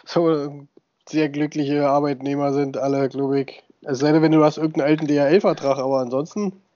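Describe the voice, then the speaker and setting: A man's voice: fairly high pitch, little pitch movement, moderate pace, dark tone, dry recording. A married man in his thirties co-hosting a casual podcast, joking in easygoing banter. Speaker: podcast co-host. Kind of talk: casual chat. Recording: dull dry sound.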